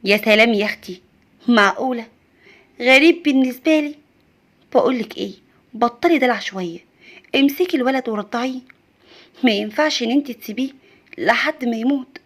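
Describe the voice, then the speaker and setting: A woman's voice: on the high side, fairly quick, long pauses, a bit bright. A woman with an Egyptian accent voicing a bossy, scolding older mother-in-law. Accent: Egyptian Arabic. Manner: harsh, nagging.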